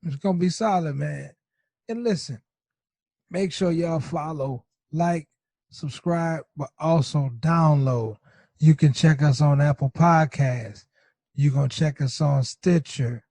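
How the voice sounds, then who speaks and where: A man with a high voice and a New Orleans accent, talking loose and hyped as a podcast co-host. His voice sits close and dry, with no room around it. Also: slow pace, vocal fry, warm tone, no echo. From New Orleans, USA. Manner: loose, profane, hype. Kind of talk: casual chat. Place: garage.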